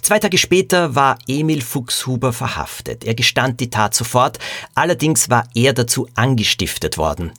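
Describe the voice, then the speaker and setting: Husky male author-narrator, calm story read, dry close sound. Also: medium pitch, normal speed, no room sound.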